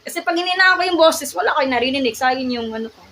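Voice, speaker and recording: A woman with a Filipino accent teaching math on a live stream, loud and emphatic, often checking that students follow. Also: high voice, lively intonation, fast, recorded from a distance, slight background noise, poor audio.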